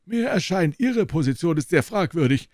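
A man voicing an older, hostile male professor with a high, screeching voice and a sharp, agitated manner, in an audiobook reading. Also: sing-song, fairly quick, no echo, clean studio sound. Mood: furious. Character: hostile old male professor, shrill and suspicious.

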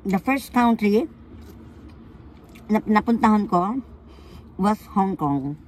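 A woman's voice: mid-range voice, expressive, takes it slowly, recorded from a distance. A young Filipino woman vlogging casually, talking with her mouth full and switching between English and Tagalog. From Philippines. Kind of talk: casual mukbang chat. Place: indoors, eating at a table.

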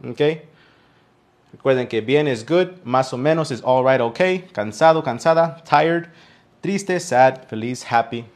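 Slow, patient male teacher. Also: medium pitch. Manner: slow, patient, repeats examples and checks in with "¿ok?". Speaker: English teacher. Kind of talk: beginner English lesson explained in Spanish.

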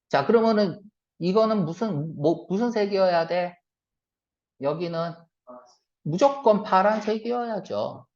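Male reading teacher, animated lecture delivery, fires off rhetorical questions, dull lo-fi recording. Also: high voice. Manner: asks the class quick questions and answers them himself; mixes casual and polite speech. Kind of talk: classroom lecture.

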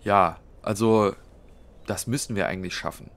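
The speaker is a let's play host who has a cold, chatting casually as he plays a strategy game and works out moves step by step, with many fillers. His voice is on the low side and fairly bright, at normal speed.

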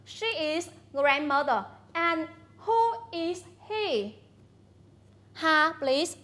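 A woman teacher with a Vietnamese accent leading a bilingual classroom lesson, speaking deliberately and coaxing her students to answer. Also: sits high, lively intonation, fairly bright tone. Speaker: English teacher.

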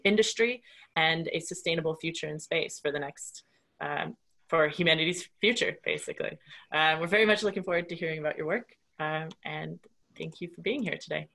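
A young woman reads a prepared speaker introduction on a video call. Her voice is bright and a little raspy, with noticeable creak. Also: low voice. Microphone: headset on video call.

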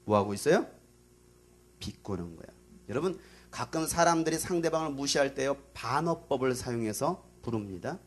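A middle-aged male pastor preaching to teenagers in a casual, animated way, swinging between loud emphasis and quiet asides. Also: mid-range voice, moderate pace, breathy edge. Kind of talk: youth sermon.

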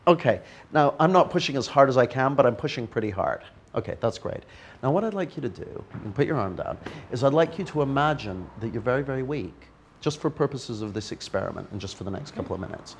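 A man's voice: medium pitch, fast, a little hiss or hum. A man leading a live workshop demonstration, coaxing a volunteer in a playful way. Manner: playful, coaxing, animated with a group. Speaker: NLP trainer. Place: training room before a live audience.

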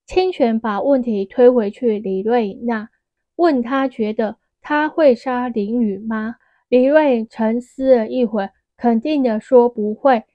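A woman narrating a fantasy novel as an audiobook in a steady, even storytelling manner. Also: fairly high pitch, measured pace, dry recording, lo-fi sound.

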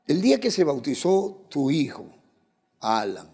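A man's voice: fairly high pitch, sing-song, unhurried, a little mellow, breathy edge. A man with an Ecuadorian Spanish accent, a pastor leading a church testimony interview in a preacherly way, quoting scripture and guiding his guest.

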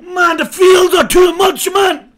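A man streaming his reaction to an anime, excitable and slangy, often shouting. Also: extremely high pitch, takes it slowly.

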